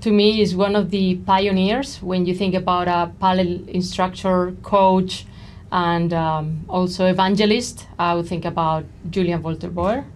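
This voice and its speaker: A woman with a slightly low voice hosts a casual podcast interview. She asks long, friendly questions and laughs easily. A faint hiss of noise runs underneath. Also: steady tone, a little slow. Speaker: podcast host.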